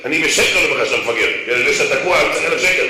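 A man's voice: medium pitch, animated, crowd noise, natural voice. A man doing a scoffing yeshiva head. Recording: roomy echo.

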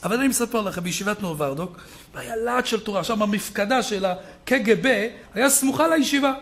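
A man preaching a sermon as a rabbi, telling stories and building up to loud shouted peaks. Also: high voice.

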